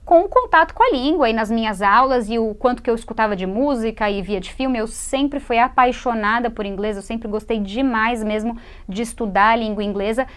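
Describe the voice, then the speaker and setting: A woman from Brazil who teaches English on television. Her voice sits a little high, and she explains patiently, repeating words and modelling the sounds slowly for her viewers. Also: smooth. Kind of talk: TV English lesson.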